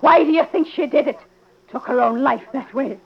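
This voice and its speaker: A woman's voice: high voice, normal speed. A woman playing a bitter, grieving, accusing mother in melodramatic, vehement old radio drama style. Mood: bitter accusation. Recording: dull old radio recording.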